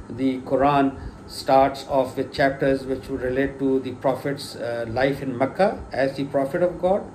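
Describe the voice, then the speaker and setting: This lay religious lecturer, a middle-aged man whose native language is Urdu, gives a casual spoken talk with many fillers and restarts, then lands key points with emphasis. He has a fairly high pitch, and there's slight hiss or hum.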